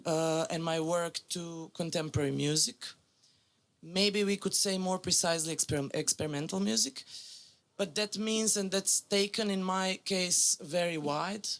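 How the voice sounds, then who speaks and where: A woman in her forties with a Croatian accent gives a lecture in English, her second language. Her voice has a gravelly, creaky edge, and she pauses often with fillers and restarts as she feels her way through each point. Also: deep voice, fairly bright tone. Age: 40s. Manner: halting, with many fillers and self-corrections. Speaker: music curator giving a lecture. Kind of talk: public lecture.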